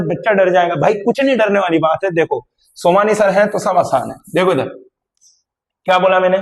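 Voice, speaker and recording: A man teaching physics to exam students in a lecture, mixing Hindi and English and calling the students beta. He reads the question text out slowly and deliberately. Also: high voice, darkish tone. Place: classroom studio at a smart board. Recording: echoey room.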